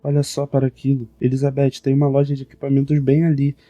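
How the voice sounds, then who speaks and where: A man's voice: mid-range voice, monotone, quick pace, no room sound, dull audio. A Brazilian man with a Brazilian Portuguese accent, narrating a comic recap in a casual, conversational way.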